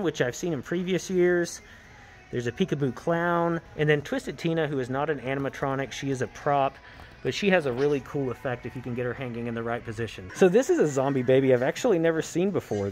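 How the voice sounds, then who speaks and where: A man vlogging as he walks through a large Halloween store, enthusiastically reviewing the props and their prices. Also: a little high. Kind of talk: casual handheld walkthrough commentary. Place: large empty retail store, indoors. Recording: loud store noise around the mic. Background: loud noise from props and store.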